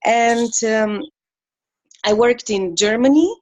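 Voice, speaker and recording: A woman introduces herself over a video call, speaking slowly and pausing often to find her words. Her voice sits fairly high for a woman. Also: a little mellow, rough recording. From Bulgaria. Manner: halting, searching for words.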